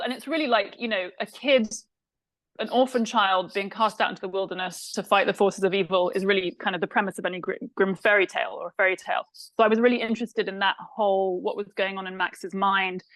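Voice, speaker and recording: A woman's voice: medium pitch, a bit bright, no echo, rough recording. A woman from England with an English accent, a film director answering interview questions thoughtfully, with many fillers and restarts.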